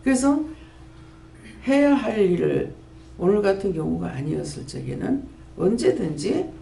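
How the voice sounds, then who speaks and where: A woman's voice: a little slow, vocal fry, slight background noise. A woman in her fifties with a Gyeongsang accent, giving an earnest sermon testimony as pastor of a prayer house. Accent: Gyeongsang Korean. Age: 50s. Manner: earnest, storytelling, lively pitch swings. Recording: echoey room with faint ambience.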